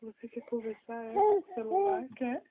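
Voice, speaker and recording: A woman's voice: on the high side, lively intonation, normal speed, narrow, tinny audio. A Brazilian mother cooing in singsong baby talk, playing peekaboo at home late at night and recorded on a phone. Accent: Brazilian Portuguese. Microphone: phone held close.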